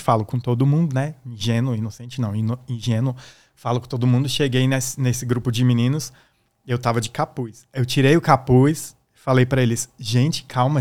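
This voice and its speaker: A man's voice: mid-range voice, a little mellow. A man, a guest musician, telling a personal story in a casual way and acting out the voices of the people in it. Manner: acts out the voices in his stories.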